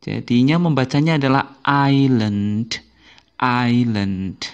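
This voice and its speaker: Male teacher, unhurried video lesson, patient and repetitive, mid-pitched voice. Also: lo-fi sound. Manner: patient, repeats each word slowly for learners. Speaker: English teacher. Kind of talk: slow explanatory video lesson.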